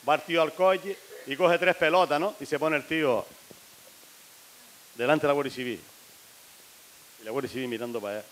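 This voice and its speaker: A man's voice: on the high side, a little fast, pauses often, fairly bright tone, a little hiss or hum. A man telling a string of jokes to a live audience, acting out the characters' lines. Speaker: stand-up comedian.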